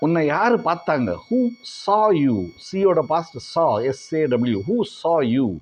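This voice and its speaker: Slow, lively male teacher. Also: fairly high pitch. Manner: repeats each English sentence slowly, spells words letter by letter. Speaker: English teacher. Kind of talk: language lesson. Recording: dull lo-fi audio.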